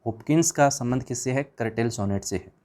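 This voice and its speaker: A man's voice: mid-range voice, fairly quick, darkish tone. A man teaching an exam revision class, firing questions at the students and answering them himself in a chatty, informal way.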